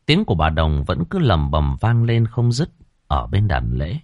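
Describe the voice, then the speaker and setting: A man narrating a ghost story in a dramatic, expressive, deliberate way. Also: low voice, dry recording, lo-fi sound.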